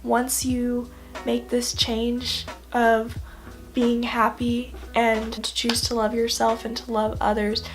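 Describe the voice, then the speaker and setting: A young woman speaks straight to her viewers in a slightly high, flat-toned voice that is worn rough by a cold. Her words are earnest and affectionate. Soft music plays quietly behind her. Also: slow. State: sick, hoarse voice. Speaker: vlogger. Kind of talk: motivational talk to camera.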